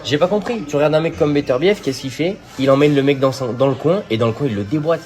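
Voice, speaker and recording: A man with a French accent in a casual podcast chat, breaking down the fight in quick, assertive analysis. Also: fairly high pitch, darkish tone. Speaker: podcast co-host.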